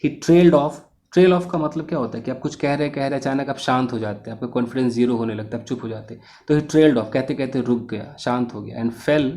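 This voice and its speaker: Casting note: male English tutor, mellow, warm voice, reads novel lines slowly and then breaks them down patiently. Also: fairly high pitch. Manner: explanatory, acts out a sample accent in passing. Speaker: English teacher. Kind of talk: reading a novel aloud and explaining it line by line.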